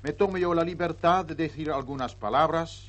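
A radio program director with a Dutch accent, for whom Spanish is not a first language, gives a measured, ceremonious prepared speech. His voice is fairly high in pitch.

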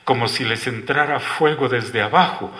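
A man's voice: medium pitch, moderate pace, sharp tone, lightly acted. A man reading the lines of a shy, blushing young village woman in a storybook. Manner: shy, confiding.

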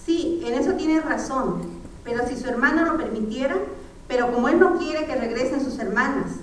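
A woman's voice: sits high, moderate pace, a little hiss or hum, natural voice. A woman voicing a poor, frightened older mother who pleads and sighs, recorded in an echoey room far from the mic. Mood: pleading, sorrowful. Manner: pleading, imploring, sighing "ay".

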